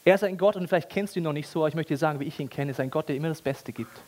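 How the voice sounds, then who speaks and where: A man's voice: a little high, racing. A man preaching a casual, ironic sermon with everyday language and humor. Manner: animated, ironic, colloquial.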